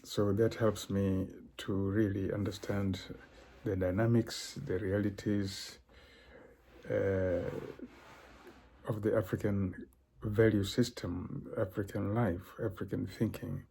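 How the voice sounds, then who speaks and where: An older man from Tanzania giving a solo talk as a professor and cultural consultant, halting, with many fillers and throat-clearing. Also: fairly low pitch, level tone, warm tone.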